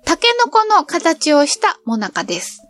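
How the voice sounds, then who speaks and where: This travel vlogger is a middle-aged woman sharing stories of her trips at a moderate pace and in a bright, talkative manner. She speaks in a high register full of animated swoops, and soft music runs quietly underneath.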